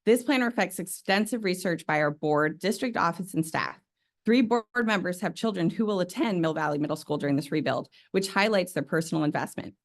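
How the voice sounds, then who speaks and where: A woman speaking for a group of parents at a school board meeting, reading a prepared statement briskly. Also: fairly low pitch. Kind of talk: read public comment at a board meeting.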